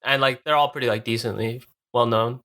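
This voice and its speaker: A man's voice: mid-range voice, steady tone, brisk, bright, forceful tone. A young man co-hosting a podcast, chatting casually and bantering playfully with friends. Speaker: podcast co-host. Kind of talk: casual chat.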